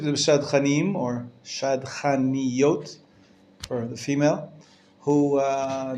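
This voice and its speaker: Rabbi guy teaching a class, halting, lots of restarts, chatty q-and-a style, mid pitch. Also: a little mellow, a little hiss or hum. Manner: hesitant, halting delivery with frequent restarts; conversational, asks and answers his own questions. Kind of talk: informal lecture to a live class.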